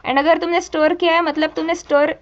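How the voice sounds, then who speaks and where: A woman's voice: very high-pitched, level tone, fast talker, lo-fi sound. A young woman teaching a programming class, explaining step by step in a mix of Hindi and English and asking her students questions. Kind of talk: live coding lesson.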